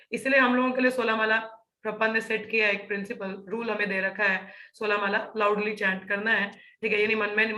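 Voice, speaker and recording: Bright-voiced woman teaching a class. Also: on the high side, echoey room, rough recording. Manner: explanatory, many "ठीक है" check-ins. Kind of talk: class lecture mixing Hindi and English.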